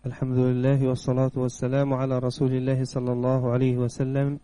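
A man reading hadith texts aloud to a teacher in a measured, formal recitation. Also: medium pitch, monotone, warm tone, dry recording.

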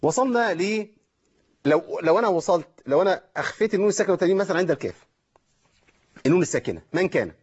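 Brisk Egyptian sheikh teaching recitation. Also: male voice, sits high, animated, a little mellow, breathy edge, highs cut off. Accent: Egyptian Arabic. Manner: explains step by step, checks in with listeners. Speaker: Quran recitation teacher and host. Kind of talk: call-in tajweed lesson.

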